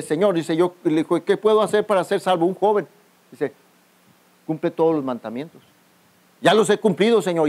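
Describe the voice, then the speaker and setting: A pastor preaching at a youth camp, his voice sitting a touch high for a man. He keeps turning to his listeners to have them finish his lines, calling them brother as he goes. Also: darkish tone. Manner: calls out to the congregation for responses. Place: outdoor youth camp gathering.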